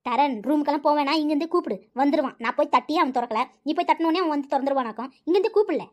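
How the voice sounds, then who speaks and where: Lady voicing a nagging cartoon mom, very high and super fast. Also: natural voice. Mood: scolding. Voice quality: shrill, fast scolding. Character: scolding middle-aged village mother. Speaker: cartoon voice actor.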